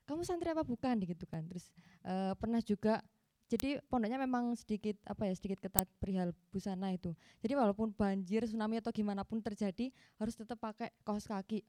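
A young woman with a Javanese accent gives her turn in a discussion. She is chatty, leans on fillers and acts out the voices she quotes. Her voice is fairly high but dark and mellow, recorded dry and close. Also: no echo. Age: young adult. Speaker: discussion participant. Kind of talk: spoken discussion contribution.

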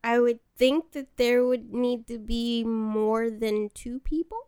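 A woman's voice: fairly high pitch, steady tone, slow pace, warm tone, clear, resonant tone, dry recording, studio quality. A woman guest on a podcast, answering in a hesitant, unsure way. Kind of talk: casual chat.

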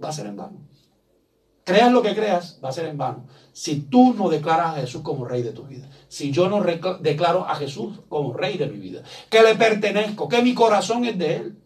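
High-voiced preaching man from afar. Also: sing-song, a little fast, hardly any pauses, distant mic. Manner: preaches with rising emphasis, acts out quoted voices. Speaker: pastor. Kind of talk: sermon. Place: church.

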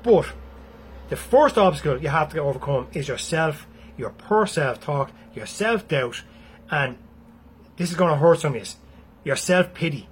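A man's voice: on the high side, lively intonation, normal speed, a little hiss or hum. A man with an Irish accent giving a blunt, freely swearing motivational talk to his viewers. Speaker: motivational speaker.

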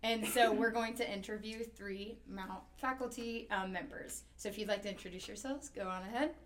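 A woman's voice: medium pitch, fairly even intonation, moderate pace, a little hiss or hum. A young woman hosting a student podcast interview, chatty and full of fillers. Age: young adult.

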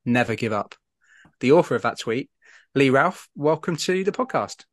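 A man's voice: mid-range voice, expressive, normal speed, no room sound, studio quality. A man hosting a podcast, introducing and questioning his guest in a conversational interview style. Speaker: podcast host.

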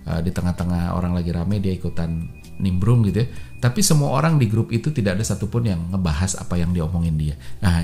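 A man's voice: deep voice, creaky, warm tone. A man hosting a podcast, explaining in a casual way with slang and lots of fillers. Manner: informal Jakarta slang, many fillers. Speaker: podcast host.

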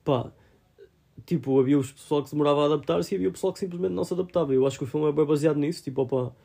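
A man's voice: fairly high pitch, very fast, creaky, dark tone. A young man chatting casually about things in slangy speech sprinkled with English words. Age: young adult. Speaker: film discussion podcast co-host. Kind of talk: casual chat.

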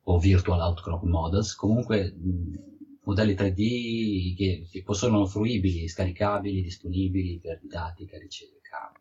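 A man's voice: deep voice, fairly even intonation, normal speed, warm tone, slightly rough. A man from Italy giving conversational technical answers in an interview, often repeating words and restarting as he explains. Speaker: interviewed field geology researcher. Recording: dull, muffled audio.

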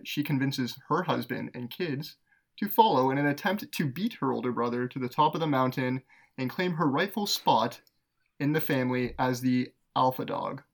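A podcast co-host talking casually, his gravelly voice slipping into fry at the ends of phrases. He rambles, fills gaps with "uh" and laughs a lot at his own jokes. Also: medium pitch. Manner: laughs often, rambling with fillers. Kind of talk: casual chat.

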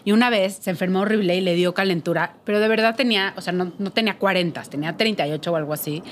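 A woman's voice: fairly low pitch, rapid-fire, slight background noise. A woman with a Mexican Spanish accent, co-hosting a casual chat podcast and telling stories with animation. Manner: animated storyteller, laughs while telling stories. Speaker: podcast co-host.

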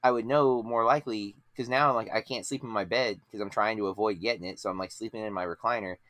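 Man, late thirties, podcast host, lowish voice, dry close sound, rambling chat full of ums. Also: fairly even intonation, fast talker, a bit bright, dry recording. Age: 30s. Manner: rambling, many fillers and restarts. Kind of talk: casual chat.

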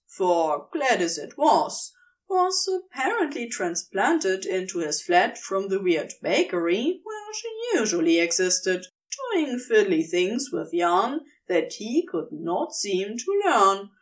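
A woman reading a fanfiction audiobook with wry, unhurried storytelling. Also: mid-range voice, far from the mic. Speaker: podfic reader.

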